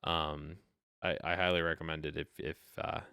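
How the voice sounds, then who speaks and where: A man hosting a casual photo editing livestream, talking in a relaxed way with lots of fillers and encouraging his co-editors. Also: rumbling low, moderate pace, creaky, clean tone, dry recording, clean studio sound. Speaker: host of a photo editing stream.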